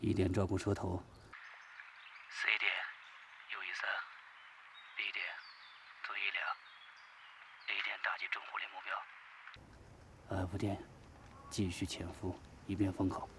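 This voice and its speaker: Very deep, terse military commander. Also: male voice, completely flat delivery, unhurried, pauses often, noisy background. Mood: controlled, commanding. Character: stern, controlled male special-forces commander issuing orders. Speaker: actor. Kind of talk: military TV drama dialogue.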